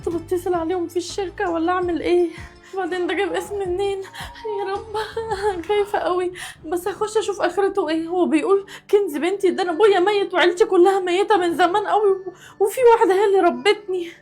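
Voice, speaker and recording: An actress playing a nervous young delivery worker who protests quickly and laughs from nerves. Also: female voice, very high-pitched, fairly even intonation, a little mellow, faint music behind. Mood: scared. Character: scared young delivery girl, nervous, defensive.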